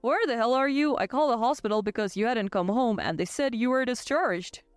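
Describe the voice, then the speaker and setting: A woman reading the lines of a cold, domineering young husband who barks short, bossy orders. The voice sits fairly high and dry, close to the mic with no room sound, and soft music plays behind it. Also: fairly quick, clear, resonant tone, no room sound, lightly acted. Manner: curt and bossy. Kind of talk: scripted storytelling.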